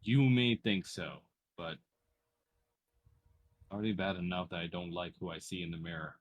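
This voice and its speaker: A man's voice: sits low, fairly even intonation, moderate pace, pitched below the performer's own voice. A man voicing a self-conscious, grumbling woman in a tabletop game, guarded and sardonic in manner. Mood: guarded, embarrassed.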